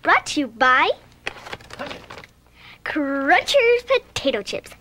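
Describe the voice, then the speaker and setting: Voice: high-pitched, very animated, slow pace, pushed and bright, a little hiss or hum, heavily acted. An actor voicing a punning toy critic in a 1990s TV commercial comedy bit. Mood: corny, bantering.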